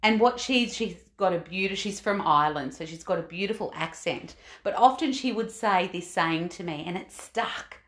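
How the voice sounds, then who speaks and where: A woman's voice: on the low side, animated, moderate pace, few pauses. A woman hosting a motivational coaching podcast, speaking in an earnest, encouraging way and repeating her key phrases. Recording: echoey room.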